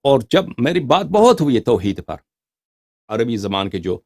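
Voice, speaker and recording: A man giving an explanatory scriptural lecture, emphatic, reciting quoted passages slowly and repeating key words, and putting rhetorical questions to his listeners. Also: mid-range voice, very animated, vocal fry, a little mellow. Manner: asks rhetorical questions to the audience. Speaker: religious lecturer.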